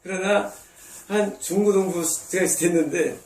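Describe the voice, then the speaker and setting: Higher-pitched Korean pastor preaching in a roomy hall. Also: male voice, unhurried, a little mellow. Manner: emphatic preaching, voicing God and congregants in quoted asides. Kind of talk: sermon. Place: church sanctuary. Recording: roomy distant church recording.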